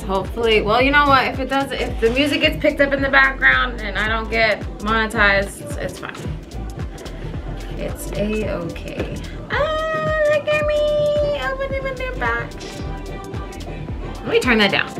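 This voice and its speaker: A young woman vlogging at home, talking excitedly to her viewers in a casual, gushing way. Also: medium pitch. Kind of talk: casual vlog chat to camera. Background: loud music playing.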